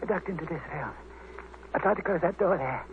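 A tinny, noisy vintage radio track holds a dying man. He speaks very slowly and high, weak and gasping, bitter in halting broken English. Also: animated. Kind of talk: old-time radio drama acting.

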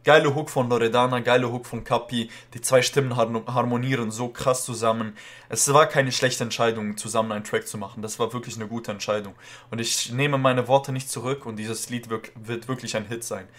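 A man with a rolled R, talking in a loose, slangy way as he hosts a music reaction video. His voice sits in an ordinary middle pitch for a man. He keeps coming back to friendly asides to his viewers. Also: fairly even intonation, fairly quick, a bit bright. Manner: loose slangy talk, often says "Freunde". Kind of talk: casual reaction commentary.

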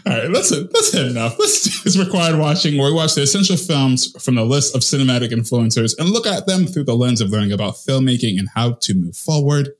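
A man co-hosting a film podcast in casual chat, an animated storyteller who swears and jumps up in pitch at punchlines. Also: a little fast, hardly any pauses.

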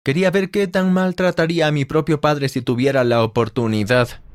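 A man narrating a first-person story in a plain, brisk storytelling manner. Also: on the high side, steady tone, no echo, studio quality. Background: soft music.

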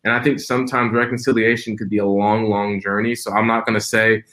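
Young male preacher as podcast guest, low voice, earnest, reflective storytelling with restarts. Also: flat delivery, a little fast, a bit bright. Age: 20s. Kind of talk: personal storytelling in a podcast interview.

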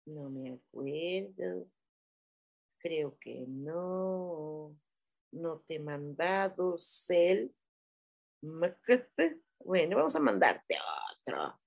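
A woman's voice: fairly low pitch, expressive, drawn-out words, gravelly, pauses often. A woman with a Mexican accent hosting a live stream, reading viewers' comments aloud and giving them affectionate, rambling spiritual messages with many fillers. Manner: warm, chatty, many fillers, affectionate terms. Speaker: livestream host giving angel messages. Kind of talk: casual live-chat reading.

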